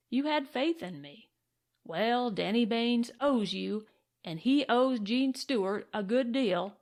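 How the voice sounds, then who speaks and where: A woman performs an excited, grateful cowboy gold prospector for a western audiobook, her voice pitched a little high. Her talk is folksy and boastful.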